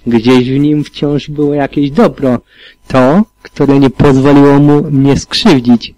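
Narrator audiobooka, mężczyzna, emocjonalnie, sucho nagrany. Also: male voice, mid-range voice, fairly even intonation, takes it slowly, mellow, no room sound, poor audio. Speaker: audiobook reader. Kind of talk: audiobook narration of fan fiction.

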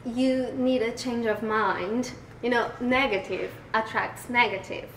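A woman's voice: fairly high pitch, steady tone, unhurried, background noise, lightly acted. An actress playing an encouraging, insistent young woman urging her friend to go out. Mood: persuasive. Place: indoor bar. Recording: roomy sound, distant mic.

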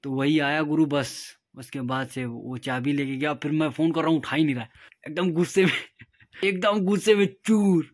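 A man's voice: fairly high pitch, fairly even intonation, a little fast, no echo. A man telling a long casual vlog story, chatting to viewers and retelling a quarrel with friends over parking. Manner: chatty, retells quarrels by acting out quoted voices. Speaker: vlogger. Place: in a car and at his room.

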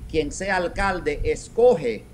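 A middle-aged man, a retired police commander, answering interview questions over a webcam from a home office, talking haltingly with many restarts and English words mixed in. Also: a little high, expressive, darkish tone, a little hiss or hum. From raised in New York. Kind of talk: video call interview. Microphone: video call webcam.

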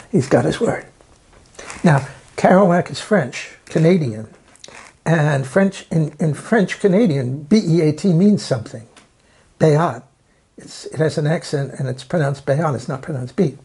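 Gravelly, husky man explaining. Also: fairly high pitch, unhurried. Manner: animated storytelling, emphatic, repeats words. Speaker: literary scholar interviewee. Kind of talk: documentary interview.

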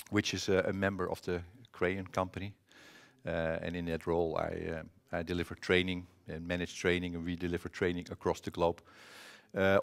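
A Dutchman with a fairly low voice and a Dutch accent gives a conference presentation into a presentation mic in a conference room. He's a conference presenter and trainer whose casual, hesitant delivery is full of filler sounds and restarts.

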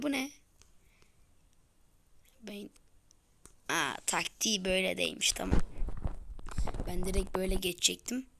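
A young woman talks her viewers through a game as she plays. Her voice sits fairly high and sounds bright. She swings between quiet muttering and loud, exasperated outbursts. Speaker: gaming video creator. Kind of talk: casual gameplay commentary.

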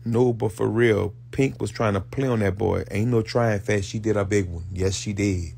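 A man hosting a show of comedic commentary on internet gossip, animated and profane, jumping from loud outbursts to hushed asides. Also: fairly low pitch, normal speed, gravelly, breathy edge. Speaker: show host.

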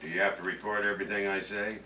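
A man's voice: on the low side, level tone, fast talker, pushed and bright, a little hiss or hum. An actor playing a stubborn, guarded middle-aged man, a terse suspect under interrogation in a film drama. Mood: defiant, guarded. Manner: terse, stonewalling. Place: small indoor police office.

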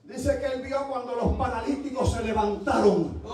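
A male preacher delivers a fervent sermon, pressing his point with shouted, repeated questions. His voice sits very high for a man. He sounds far from the microphone, in a church hall full of heavy echo. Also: moderate pace, soft background music. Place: church sanctuary.

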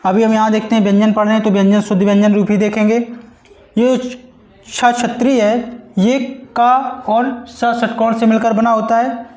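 High-voiced male teacher in an echoey room. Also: little pitch movement, moderate pace, darkish tone. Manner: patient, repeats and stretches out syllables to demonstrate pronunciation. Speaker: Hindi teacher. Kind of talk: blackboard-style grammar lesson.

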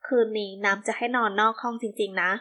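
A woman voicing a polite young wife who scolds her husband gently, in a storybook reading. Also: mid-range voice, fairly even intonation, fast talker, close to an everyday voice. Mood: gently scolding.

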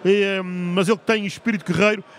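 High-voiced man calling a match. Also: flat delivery, a little fast, fairly bright tone, a little hiss or hum. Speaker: main play-by-play commentator. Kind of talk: live rink hockey commentary.

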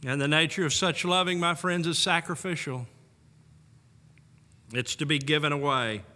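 A man in his sixties preaching a sermon from the pulpit of a church, earnest and full of rhetorical questions, often breaking into soft laughs. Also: on the high side, normal speed. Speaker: pastor. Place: church sanctuary. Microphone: pulpit microphone on a stand. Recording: long church hall reverb.

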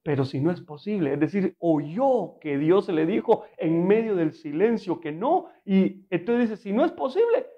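A man's voice: high-pitched, unhurried, few pauses, muffled recording. A male pastor preaching a sermon in a conversational, storytelling way, often asking his listeners rhetorical questions and adding humor.

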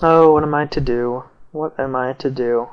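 At a moderate pace and steady tone, a young let's play commentator with a medium-pitched voice gives casual commentary over a game, the audio dull with a little hiss or hum and faint game music behind. He mutters self-mocking, wry asides, and his voice feels a bit off, like he could be getting sick.

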